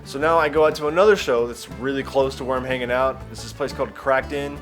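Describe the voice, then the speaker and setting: A man's voice: mid-range voice, quick pace, music in the background. A young man vlogging his travels in a wry, rambling, self-mocking way. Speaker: travel vlogger and stand-up comedian. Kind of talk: casual vlog chat.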